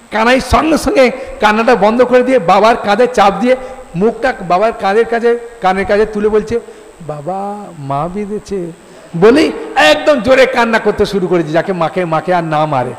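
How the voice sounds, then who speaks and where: Animated male preacher in a reverberant hall. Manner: animated storyteller, acting out quoted voices with rising pitch. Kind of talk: devotional storytelling sermon.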